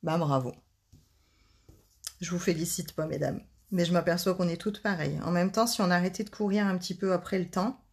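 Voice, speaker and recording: A woman's voice: lowish voice, fairly even intonation, fast talker, hardly any pauses, a little mellow, slightly rough. A woman hosting a casual live card-making demonstration, chatting and joking with her viewers as she works.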